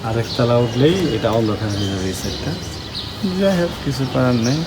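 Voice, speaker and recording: A man talks through a casual home vlog at a mid pitch. He tours his balcony plants quietly, then calls and coaxes his sleeping children with repeated, rising calls. Clear street traffic and birdsong are heard behind him. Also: lively intonation, a little fast. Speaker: vlogger and father. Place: home balcony garden and bedroom. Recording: street and bird noise behind.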